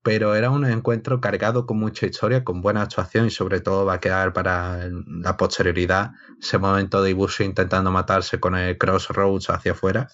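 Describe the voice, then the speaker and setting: Low-voiced man in casual wrestling discussion. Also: level tone, fairly quick, hardly any pauses, a bit bright. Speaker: wrestling podcast analyst. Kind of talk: casual wrestling analysis chat. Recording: slightly dull, lo-fi sound.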